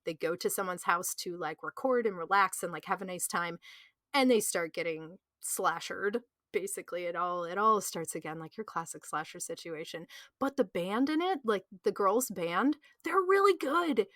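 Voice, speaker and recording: A woman's voice: on the low side, expressive, moderate pace, a bit bright, no echo, clean studio sound. A woman co-hosting a podcast in casual, enthusiastic chat, with lots of "like" and "um". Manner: enthusiastic, chatty, filler-heavy. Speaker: podcast co-host.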